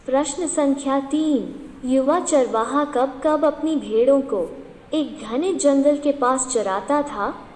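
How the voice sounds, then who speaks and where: A woman teacher with an Indian accent, dictating questions to a class slowly and repeating each one several times. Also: sits high, a little mellow. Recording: echoey room with long reverb.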